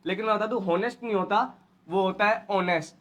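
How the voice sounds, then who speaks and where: A man's voice: high-pitched, fairly even intonation, quick pace, fairly bright tone. An Indian man teaching English phrases, repeating each one and quizzing his students. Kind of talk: spoken English lesson in Hindi.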